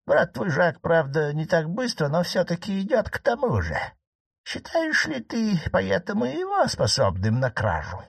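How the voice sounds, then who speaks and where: A man's voice: high-pitched, wildly swooping pitch, unhurried, gravelly, husky, dry recording, voice pushed up, heavily acted. A man voicing a poised ironic old marquise. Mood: probing. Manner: composed, gently mocking. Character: calm, ironic elderly aristocratic aunt, a marquise. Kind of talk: audiobook character reading.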